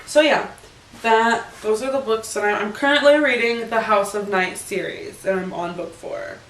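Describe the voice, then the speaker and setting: A woman's voice: a little high, moderate pace, fairly bright tone, a little hiss or hum. A young woman vlogging in a casual, rambling chat, giggling as she answers questions in her bedroom. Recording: echoey room, camera far off.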